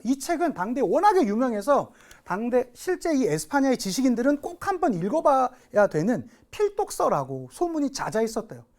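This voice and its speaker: A man teaching a recorded history lecture, talking to students in a lively, dramatic way. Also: extremely high pitch. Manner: lively, dramatic, reads quotes with big emotion. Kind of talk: recorded exam-prep lecture.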